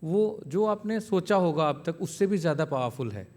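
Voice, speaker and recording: Male invited speaker, storytelling speech, slightly high voice for a man, stage mic in an event hall. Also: lively intonation, moderate pace. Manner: storytelling, grows loud when acting out the scene. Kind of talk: public speech with a told anecdote.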